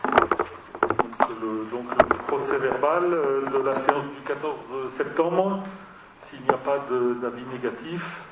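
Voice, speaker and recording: A man's voice: mid-range voice, slow. A man chairing a town council meeting, talking hesitantly with many fillers and restarts. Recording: echoey room, mic far off, dull sound, faint noise.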